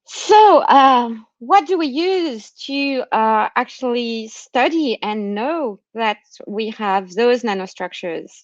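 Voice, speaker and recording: During lockdown, a woman researcher whose accent isn't Australian delivers an explanatory academic talk online, frequently checking in with brief tags. The call audio is muffled and lo-fi with no room sound; her slightly high voice has lively intonation, a slow pace, and few pauses.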